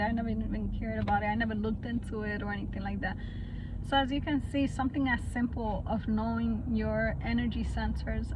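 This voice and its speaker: Woman in her forties musing in a casual vlog. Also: fairly high pitch. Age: 40s. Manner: reflective, peppers speech with "you know". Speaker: spiritual vlogger. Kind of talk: casual spiritual talk to camera. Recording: dull lo-fi recording with steady background noise.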